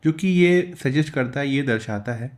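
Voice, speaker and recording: A man teaching English comprehension, reading passages slowly in English and explaining them in Hindi, asking and answering his own questions. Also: medium pitch, expressive. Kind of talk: bilingual lesson explaining an editorial.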